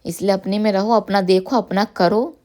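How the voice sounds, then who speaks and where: A woman's voice: medium pitch, fairly even intonation, normal speed, darkish tone. A woman in her thirties speaking out in an emotional vlog, defiant and hurt, repeating herself and mixing English words into her speech. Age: 30s. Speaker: vlogger.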